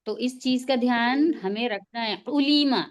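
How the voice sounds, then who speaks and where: A woman teaching pronunciation in an online class over a video call, patiently modelling each sound for her students to repeat. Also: a little high. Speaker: tajweed teacher.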